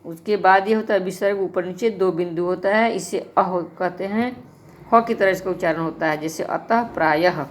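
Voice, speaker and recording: A woman's voice: on the low side, normal speed. A woman teaching a grammar lesson to schoolchildren, explaining patiently and speaking to the children directly.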